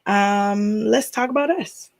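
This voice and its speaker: Speaking slowly in a creaky, mid-range voice, a female podcast host keeps the conversation casual. She pokes fun at her guest and breaks into laughter frequently.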